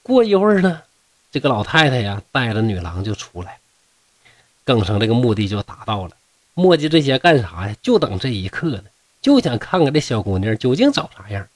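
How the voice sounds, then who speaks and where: A middle-aged storyteller with a Northeastern Mandarin accent spins a classic tale as comic folk storytelling, joking in a folksy way and speaking asides to his listeners. His medium-pitched voice is very animated and a little fast, recorded with no echo.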